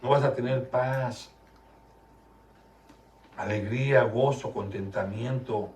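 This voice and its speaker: A man's voice: medium pitch, takes it slowly, a little mellow. A man preaching a sermon as pastor, emphatic and often putting questions to his congregation during a church service. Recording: roomy, distant mic, faint ambience.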